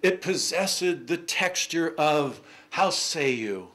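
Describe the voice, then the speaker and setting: A weary male cosmonaut who has come back from orbit speaks slowly and haltingly, as if hunting for each word, as a poet reads him aloud. The voice sits a little high and the delivery drags. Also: lively intonation, noisy background. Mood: wry. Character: weary male cosmonaut recalling space food.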